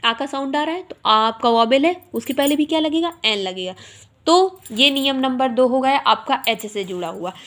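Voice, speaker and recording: Woman teacher explaining grammar slowly. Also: high voice, animated, a bit bright. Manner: slow, repetitive explaining, spells words letter by letter. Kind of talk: Hindi grammar lesson explaining English articles.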